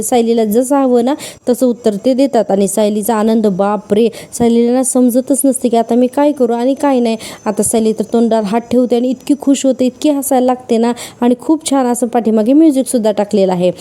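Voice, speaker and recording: Mellow-voiced woman recapping a TV serial. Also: on the high side. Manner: animated storytelling, acting out quoted dialogue. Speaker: TV serial reviewer. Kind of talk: casual episode recap.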